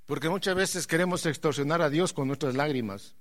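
A man preaching a sermon, impassioned and rising to near-shouts, putting questions straight to his congregation. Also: fairly high pitch, brisk. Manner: addresses the congregation directly with questions.

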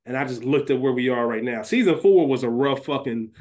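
A man co-hosting a podcast chats informally about a fantasy draft of a TV show, using slang and some swearing. His voice is medium-pitched, a little mellow and a little fast.

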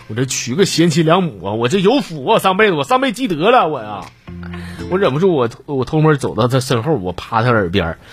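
A man with a Northeastern Chinese accent hosting a comedy podcast, telling funny stories and acting out the dialogue, often laughing at his own punchlines. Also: mid-range voice. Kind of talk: comic storytelling.

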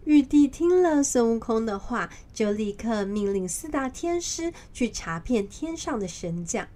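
A woman storyteller narrating a children's story in a lively, expressive way. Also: on the high side, a little slow.

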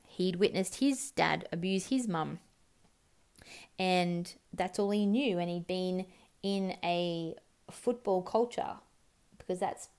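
A woman's voice: lowish voice, a little mellow. A young Australian woman telling a personal story candidly. She swears freely and mimics other people's words in short bursts. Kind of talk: personal story told to camera.

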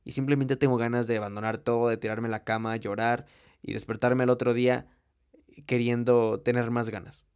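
A man's voice: mid-range voice, flat delivery, a little fast, darkish tone, clean tone. A young man with a Mexican accent giving a blunt, profane motivational monologue straight to the listener. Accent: Mexican Spanish. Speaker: motivational speaker.

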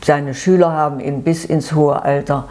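A sweet, gentle woman in her nineties from eastern Germany tells her life story unscripted, haltingly, searching for words and repeating herself. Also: deep voice, fairly even intonation. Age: 90s. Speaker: grandmother recounting her life.

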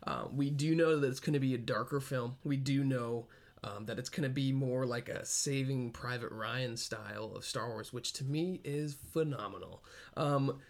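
Excitable rambling male podcaster. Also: medium pitch, moderate pace, creaky. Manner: excitable, rambling, laughs often. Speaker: podcast co-host. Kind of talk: casual fan chat.

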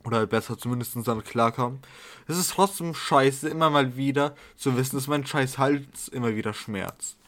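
A man's voice: mid-range voice, normal speed, fairly bright tone. Slangy young man chatting with friends. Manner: slangy, swears a lot, rambling with fillers. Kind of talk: casual chat among friends.

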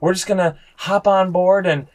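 A man's voice: high-pitched, fairly even intonation, normal speed, voice pushed up, natural voice. A man voicing a timid young male guide who stammers and hesitates. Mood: eager. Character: nervous young man guide, under twenty-five.

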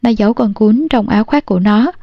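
A woman reading a novel aloud in a calm, measured way, as an audiobook narrator. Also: on the high side, no echo, muffled recording. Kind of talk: storybook narration.

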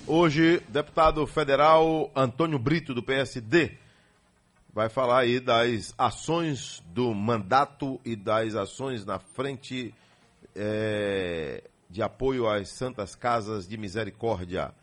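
A Brazilian radio host conducting an interview, asking chatty leading questions. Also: male voice, medium pitch, slow, fairly bright tone.

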